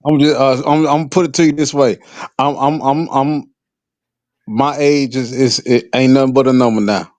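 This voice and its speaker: A man's voice: mid-range voice, fairly even intonation, moderate pace, a little mellow, no echo. A man in his forties from Texas, calling into a live talk show, playful and stammering as he chats. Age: 40s. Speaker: caller. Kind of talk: casual chat.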